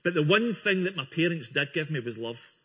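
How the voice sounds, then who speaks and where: A Scottish man gives his testimony as a guest speaker at church, addressing the congregation earnestly and warmly while making small restarts. He speaks briskly and expressively in a slightly high, somewhat bright voice with a breathy edge. The recording is dull and lo-fi.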